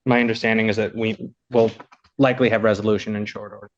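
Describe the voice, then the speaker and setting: A man serving as public defender speaks quickly and formally to the bench in a lowish, flat voice. The sound comes from a dull, lo-fi courtroom audio recording. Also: slight background noise. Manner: polite, formal, rapid delivery.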